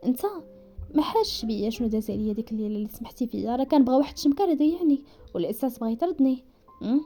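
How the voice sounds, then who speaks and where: Fast-talking Moroccan woman storyteller. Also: a little high, faint music behind. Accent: Moroccan Darija. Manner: rapid, animated reading that slips into characters' voices. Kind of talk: narrated romance story with voiced dialogue.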